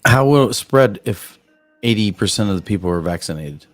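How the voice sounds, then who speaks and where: A late-night talk host with a low male voice throws sarcastic, scornful jabs at the news. Faint music plays underneath. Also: animated, normal speed. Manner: sarcastic, scornful interjections over a news clip. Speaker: radio show host. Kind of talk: late-night call-in commentary.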